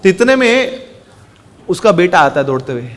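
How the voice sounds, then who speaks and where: High-voiced male preacher telling a parable. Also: moderate pace. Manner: animated storyteller, explains morals. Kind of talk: sermon with storytelling.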